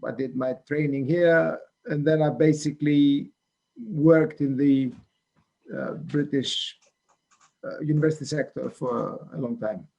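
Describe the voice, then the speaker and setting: Gravelly Greek-born man in his sixties. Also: on the high side, a little slow, darkish tone. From Greece. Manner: hesitant, frequent ums and restarts. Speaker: economics professor, interview guest. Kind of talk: reflective interview answers.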